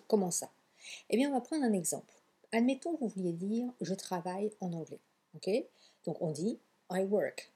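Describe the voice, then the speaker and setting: Mellow, husky teacher woman. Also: mid-range voice. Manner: chatty, encouraging, mixes English phrases into French. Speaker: English pronunciation teacher. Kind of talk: online language lesson.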